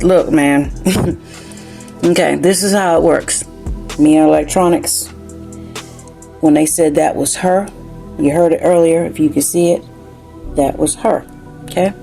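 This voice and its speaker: This tarot card reader, born in New Jersey and raised in South Carolina, has a slight Southern country accent and chats casually through a spiritual card reading, often asking "you know what I'm saying?" Her voice is lowish, slow, creaky and mellow, with long pauses and faint music behind her.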